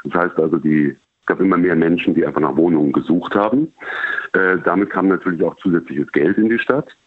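Deep-voiced man on a tinny phone line. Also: no room sound. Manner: measured, many hesitation sounds. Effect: low-quality telephone line. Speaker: journalist colleague reporting by phone. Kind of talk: explanatory phone interview answers. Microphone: telephone.

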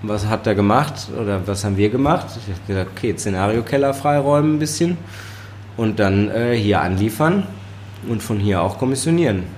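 A chef and sommelier, a man with a Ruhr-area German accent, telling stories in a relaxed podcast conversation, often laughing and using many fillers. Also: on the low side, a little fast, a little hiss or hum. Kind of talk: casual podcast interview.

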